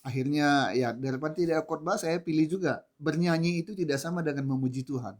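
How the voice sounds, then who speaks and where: A man's voice: fairly high pitch, brisk. A male pastor preaching a sermon at a church service, chatty and joking, often quizzing the congregation. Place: church service, also streamed online.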